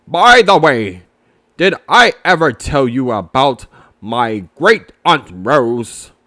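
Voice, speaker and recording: A man's voice: mid-range voice, sing-song, slow, bright, forceful tone, no echo, studio quality, exaggerated voice. A man voicing a pompous, long-winded old owl in a children's storybook. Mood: pompous, chatty.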